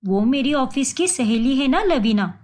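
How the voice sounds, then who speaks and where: In a cartoon story, a woman voices a scheming, sharp-tongued young wife, sounding smooth-talking, theatrical and defensive. Her voice is high-pitched and expressive, and she takes her time.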